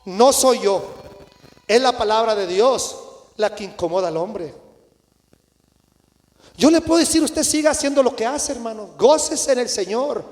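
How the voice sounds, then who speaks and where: A man with a very high voice preaches a fervent sermon. He rises to sudden cries, then drops to low asides to his brothers in the congregation. The church hall rings with a long echo around him. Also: a little slow, pauses often. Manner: impassioned, swings between shouts and low asides, addresses "hermanos" often. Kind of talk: Pentecostal sermon. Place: church sanctuary.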